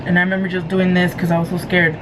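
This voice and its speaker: Low-voiced woman chatting over background noise. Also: fast. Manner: giggly, animated retelling with acted-out quotes. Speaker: vlogger telling a family story to viewers. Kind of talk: casual storytelling chat to camera.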